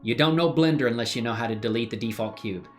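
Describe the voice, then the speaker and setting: While building 3D models on stream, a man chats with his audience in a loose, rambling, self-deprecating manner. His mid-range voice moves at a quick pace, and faint music plays in the background.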